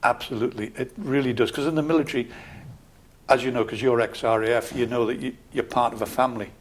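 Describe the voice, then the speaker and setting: Calm and matter-of-fact, a Geordie-accented local councillor in his sixties gives measured answers in an interview. He is from Scotland, raised near Newcastle, and has a mid-range voice, with slight background noise in the clip.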